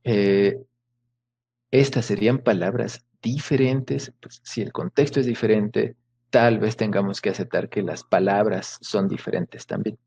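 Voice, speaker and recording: On a video call mic, a man with a lowish, steady, darkish voice gives an academic lecture, unhurried and slightly rough with vocal fry. He explains patiently, leaning on fillers and rhetorical questions.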